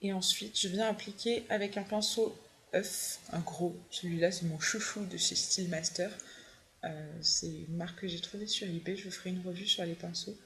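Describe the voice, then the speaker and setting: A woman's voice: lowish voice, fairly even intonation, moderate pace, fairly bright tone, slight background noise. A young woman, a beauty vlogger, walking through her makeup steps in a chatty, upbeat tutorial. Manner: chatty, fond of her favorite products.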